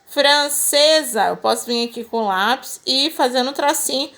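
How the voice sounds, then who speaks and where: Brazilian lady teacher talking kids through a worksheet, slow and patient, pretty high voice. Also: vocal fry, fairly bright tone. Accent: Brazilian Portuguese. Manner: patient, slow, step-by-step explaining. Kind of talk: recorded remote lesson for children.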